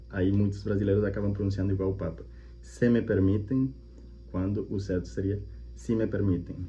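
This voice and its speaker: A man's voice: deep voice, mellow. A man, hosting and teaching language in a chatty, explanatory way, often checking in with "né?". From Colombia. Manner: friendly, chatty, repeats examples with frequent "né?". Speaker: language teacher and channel host. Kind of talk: casual explanatory reaction video. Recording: slightly muffled with faint hum.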